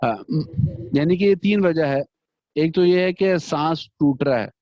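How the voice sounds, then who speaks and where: A man, a religious teacher, giving a hadith lesson: he recites Arabic slowly, then explains it at length in a measured, explanatory way. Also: fairly high pitch, no room sound, dull audio.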